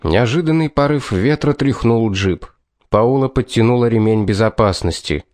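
A man narrating an audiobook in a steady, even storytelling manner. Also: mid-range voice, normal speed, dry recording. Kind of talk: scripted narration.

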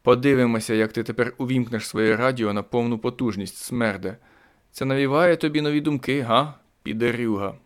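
A man's voice: mid-range voice, close to an everyday voice. Man doing a snarling deranged knife man. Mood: taunting. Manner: slow, snarling, taunting. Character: deranged knife-wielding man, menacing and crude.

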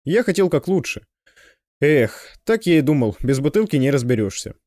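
A man voicing an older, fussy, hard-drinking male guide who talks in an excitable, insistent way. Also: fairly high pitch, moderate pace, no echo.

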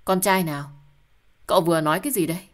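A woman's voice: on the low side, fast, natural voice. A woman voicing a joking male best friend who teases and exclaims in surprise. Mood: alarmed.

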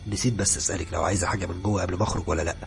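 A man voicing a tired, jumpy young woman journalist with an Egyptian accent, speaking fast in a raised voice. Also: low voice, fairly even intonation, gravelly, faint music behind. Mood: flustered. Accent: Egyptian Arabic.

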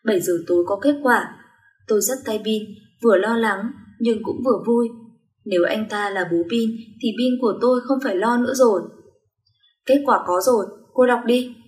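A woman narrating a first-person romance story in a gentle, wistful way. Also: a little high, a little fast. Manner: gentle, wistful storytelling, voicing every character herself. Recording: roomy echo.

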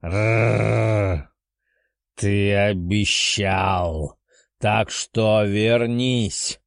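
A man voicing an ancient, proud male dragon spirit in an audiobook, slow and booming with a growl. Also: darkish tone, no room sound, clean studio sound. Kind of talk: audiobook character voice.

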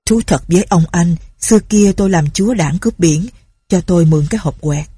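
A woman doing a gruff, scheming old ex-pirate chief. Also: lowish voice, brisk, warm tone, dry recording. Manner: bossy, gruff commands.

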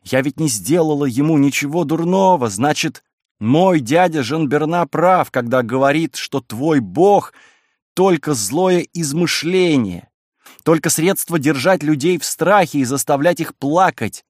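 A wild, impassioned young woman, as a male reader puts her on, pitched higher than his own voice and pleading with fervour. The voice sits close and dry, with no room sound. In this audiobook reading her lines swing between defiance and tenderness. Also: lively intonation, a little slow, no echo. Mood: defiant.

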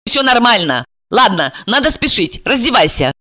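A reader voicing a brisk, cold-blooded young woman in an audiobook who gives orders and mocks her friend. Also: medium pitch, big pitch swings, sharp tone, dry recording, clean studio sound, voice pushed up. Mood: commanding. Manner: brisk, commanding, sardonic.

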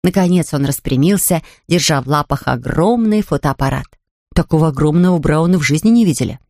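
Woman narrating a lively storybook. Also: low voice, a little fast, dry recording, studio quality. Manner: lively and expressive, voices the characters. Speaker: audiobook narrator.

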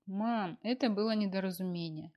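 A woman's voice: mid-range voice, normal speed, darkish tone, natural voice. A woman voicing an exhausted young woman who blames herself and complains tearfully, in an audiobook. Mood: weary. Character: weary, self-blaming young woman. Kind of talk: audiobook character voice.

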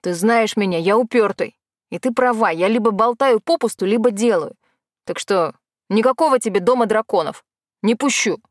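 A woman's voice: mid-range voice, moderate pace, no echo, clean studio sound, close to an everyday voice. A woman reading the part of a stubborn young man with magical powers, insistent with his sister, in an audiobook. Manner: insistent, pleading then angry. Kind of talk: audiobook dialogue.

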